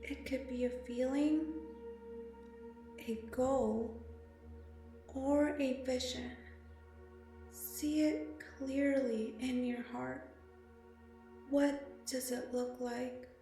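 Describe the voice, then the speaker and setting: A woman speaking slowly and softly with long pauses, guiding a meditation. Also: high-pitched, steady tone. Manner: slow, soft and soothing, with long pauses. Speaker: meditation guide. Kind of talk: guided meditation narration. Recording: very echoey, slightly distant, music behind. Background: meditation music and singing bowl.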